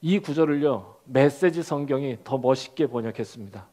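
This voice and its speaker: A male pastor preaching a sermon, acting out quoted complaints in character voices and dropping to a soft, low delivery at key moments. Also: moderate pace. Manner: animated, acts out the prophet's complaints in quoted voices.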